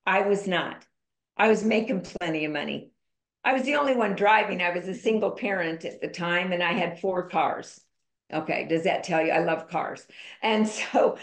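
Lowish, candid woman storyteller, roomy sound. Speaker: podcast guest. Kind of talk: conversational storytelling interview. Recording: roomy echo.

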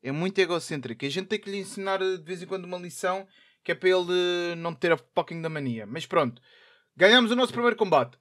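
A young man with a European Portuguese accent giving excitable, trash-talking commentary while playing a wrestling game. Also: sits high, fast. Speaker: gaming YouTuber. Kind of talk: live gameplay commentary.

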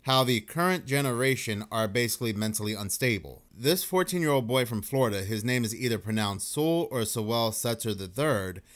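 A man's voice: mid-range voice, fairly quick, few pauses, fairly bright tone. A man doing casual YouTube commentary and reading news articles aloud, talking loosely with fillers like "basically". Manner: conversational, uses fillers like basically.

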